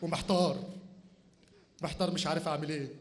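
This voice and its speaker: A man playing a naive, slow-witted rustic game-show contestant in a live comedy sketch. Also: on the high side, steady tone, slight background noise, close to an everyday voice. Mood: earnest. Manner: slow-witted, earnest answers. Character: naive rustic male contestant, dim and earnest.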